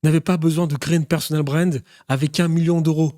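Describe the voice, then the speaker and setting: A man's voice: fairly high pitch, level tone, fast talker, dark tone. A man, a business consultant, giving a direct and urgent motivational talk on doing business online.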